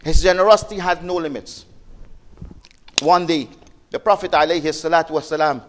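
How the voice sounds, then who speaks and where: A man giving a sermon as a preacher, telling a story with emotive rises and hushed drops, repeating words and restarting. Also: a little fast, a little hiss or hum. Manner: emotive, rises and drops sharply in pitch and loudness; repeats words and restarts, non-native phrasing.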